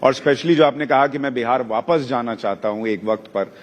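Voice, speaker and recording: A man's voice: medium pitch, moderate pace. A man from Bihar hosting an on-stage interview, asking questions in a complimentary way and fond of wordplay. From Bihar, India. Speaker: interviewer, host. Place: stage event before a live audience. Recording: long hall reverb.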